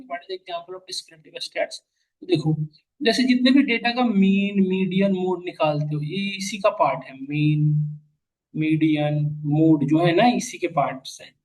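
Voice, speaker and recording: A man teaching a class, mixing English phrases into his Hindi and repeating key lines slowly for students to write down. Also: sits high, low-quality recording. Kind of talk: classroom lecture.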